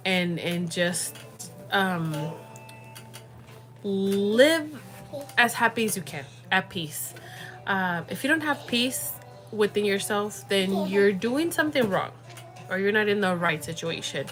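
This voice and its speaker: Speaking slowly with lively intonation, a young woman runs a laid-back livestream, her medium-pitched voice fairly bright. Her talk wanders, is packed with fillers and slips into Spanish words here and there, over faint music.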